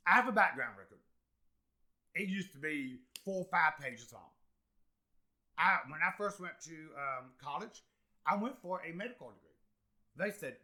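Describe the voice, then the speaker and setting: A man from South Carolina being interviewed about his life, earnest and encouraging. His voice sits a bit high and sounds bright and forward. He rambles with fillers but keeps pushing a positive message. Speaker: interview guest, actor and comedian. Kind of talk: candid conversational interview.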